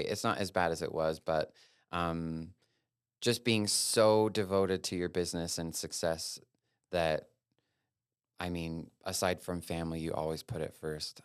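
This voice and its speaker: Low, smooth-voiced man talking candidly. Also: dry recording, clean studio sound. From Wyoming. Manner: candid, earnest, talks in long run-on thoughts. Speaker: guest, elopement photographer. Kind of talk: casual interview talk.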